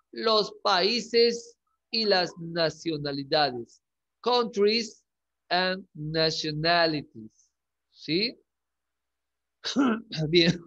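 A man teaching an English lesson to schoolchildren, repeating each word slowly and clearly. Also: high voice, a bit bright, highs cut off. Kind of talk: online class lesson.

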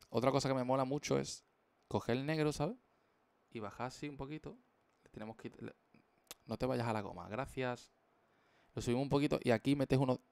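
A man's voice: medium pitch, creaky, clean tone, dry recording. A young man from chatting casually on a live stream while he draws, playful and full of slang. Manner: playful, slangy, jokey rambling.

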